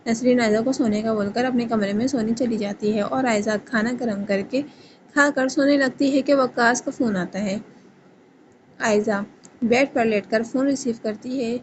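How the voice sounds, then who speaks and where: A woman narrating a romance novel at a brisk, matter-of-fact pace. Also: on the high side. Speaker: narrator reading a novel aloud. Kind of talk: reading a romance novel aloud. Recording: slightly muffled with faint hiss.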